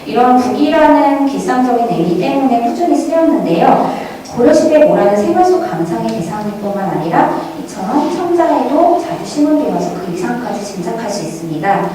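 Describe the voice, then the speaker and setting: At a museum conference, a woman gives a formal academic presentation she's prepared, speaking a little fast with hardly any pauses. Her voice is a little high, warm and animated; the distant recording comes from a large, very echoey hall with faint noise.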